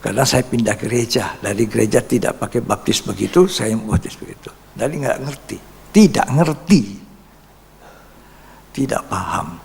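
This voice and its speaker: Gravelly pastor preaching in a church hall. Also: male voice, medium pitch, lively intonation, normal speed. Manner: storytelling testimony with sudden loud rises and soft drops. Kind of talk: sermon.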